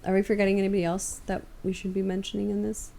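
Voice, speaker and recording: A woman's voice: medium pitch, little pitch movement, rapid-fire, gravelly, mellow. A woman co-hosting a podcast in casual chat, wondering aloud and laughing often, on a noisy home podcast recording. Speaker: podcast co-host.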